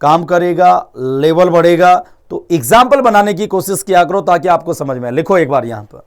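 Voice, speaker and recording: High-voiced male Hindi teacher. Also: moderate pace. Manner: lively, repeats key points as questions to students; mixes English words into Hindi teaching. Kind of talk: live online exam-prep class. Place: online classroom studio.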